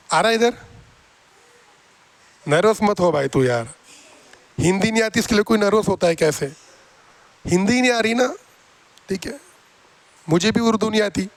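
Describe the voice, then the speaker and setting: A man's voice: sits high, no echo. A man teaching a math class, teasing and coaxing his students as he goes. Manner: coaxing and repetitive.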